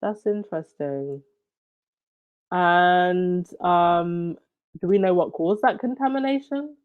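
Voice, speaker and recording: A woman's voice: on the low side, clean tone, phone-quality sound. A woman from Zambia with a stuffy, runny nose, hosting a casual livestream chat and reacting to viewer comments. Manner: chatty, reacts with quick laughs and "wow".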